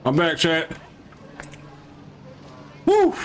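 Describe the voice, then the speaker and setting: A man's voice: a little high, huge pitch swings, drawn-out words, slight background noise. Rambling man hosting a live stream. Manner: rambling, talks straight to chat with restarts and slang. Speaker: livestream host. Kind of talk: casual live-stream commentary.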